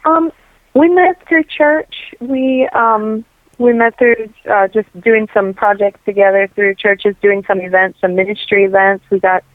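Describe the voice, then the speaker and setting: A woman from New York and New Jersey gives a casual testimony as an interview guest, speaking earnestly and rambling with lots of "you know" fillers. Her voice is mid-range with fairly even intonation and a measured pace. The line sounds dry and tinny, like a phone, with no room sound.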